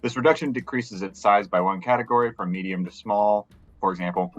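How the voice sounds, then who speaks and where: A man playing a tabletop game, talking casually and haltingly as he thinks aloud. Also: on the low side, fairly bright tone, muffled recording, soft background music. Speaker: player.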